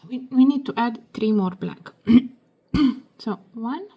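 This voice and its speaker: A woman talks through a beading project one step at a time, slow and quiet, often dropping into a near whisper as she works. Her voice is hoarse and gravelly, with a dark, husky tone. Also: fairly high pitch. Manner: soft, slow, half-whispered while working. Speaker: beading tutorial host. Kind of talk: step-by-step craft instruction.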